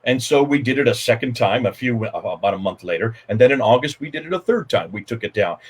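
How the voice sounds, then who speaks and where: Speaking quickly in a husky, expressive, medium-pitched voice, this older man joins a panel over a video call webcam from his home study. He's a guest apologist telling an animated story, repeating himself emphatically and gesturing constantly.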